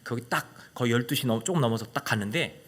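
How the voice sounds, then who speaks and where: A man preaching a sermon as a pastor, telling a personal story dramatically, asking the congregation questions and swinging from loud exclamations to hushed whispers. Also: medium pitch, quick pace.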